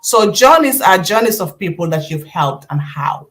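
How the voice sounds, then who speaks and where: A woman's voice: fairly low pitch, sing-song, normal speed, a bit bright. A woman business coach teaching a live online class, talking conversationally, addressing listeners directly and giving step-by-step instructions.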